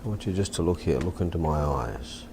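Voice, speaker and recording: A hypnotist with a deep, low Australian male voice teaches and demonstrates his technique. He speaks softly and deliberately with a hypnotist's calm, repeating his instructions. Distinct background noise can be heard behind him.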